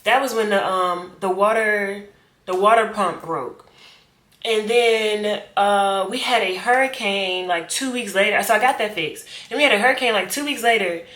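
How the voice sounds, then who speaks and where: A woman, loose and chatty, with plenty of slang and laughter. Her voice sits in a middle pitch range. The sound bounces around an echoey room. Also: moderate pace, fairly bright tone. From Richmond, Virginia. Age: 20s. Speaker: vlogger. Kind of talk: casual get-to-know-me vlog.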